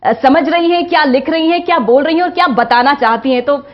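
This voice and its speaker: A woman's voice: high-pitched, a little fast, highs cut off. A woman TV news interviewer who speaks effusively to her audience and hums along while her guest talks. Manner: effusive, praising, many listening hums. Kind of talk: TV interview presenting.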